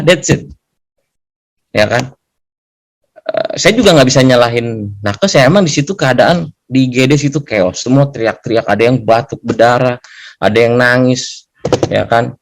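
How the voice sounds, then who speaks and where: A man's voice: medium pitch, normal speed, long pauses. Young guy w telling his testimony, chatty, keeps adding a little tag to check listeners follow, normal mid voice. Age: young adult. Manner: conversational, often adds a questioning tag for agreement. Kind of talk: personal testimony storytelling.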